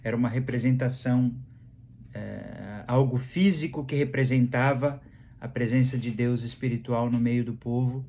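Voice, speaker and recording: A man's voice: medium pitch, steady tone, moderate pace, mellow, slight background noise. A man with a Brazilian Portuguese accent preaching a sermon in a conversational way, repeating phrases for emphasis. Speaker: pastor.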